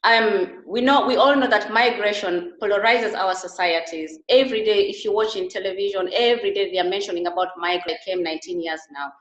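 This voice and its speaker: A middle-aged woman from Uganda talks as an interview guest, earnest and halting, often restarting her sentences. Her voice sits in an average range. The recording carries a roomy echo. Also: mid-range voice, fairly bright tone, muffled recording. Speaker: interview guest, beauty and wellness therapist. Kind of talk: conversational interview. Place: Germany.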